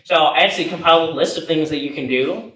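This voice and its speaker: A young adult jiu-jitsu instructor gives fast instructions in a slightly high, sharp voice while demonstrating moves on the floor of a matted gym room. The recording is echoey, with a distant mic and background noise.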